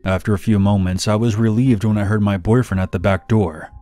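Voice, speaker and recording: Low-voiced man narrating a horror story. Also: fairly quick. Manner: steady first-person storytelling. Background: faint music.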